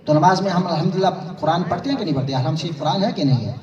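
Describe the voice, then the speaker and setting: A man's voice: high voice, expressive, muffled recording. A man preaching a sermon to a gathering, questioning his listeners and pressing his points. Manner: rhetorical, quizzes the audience. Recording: roomy, far-off mic, crowd.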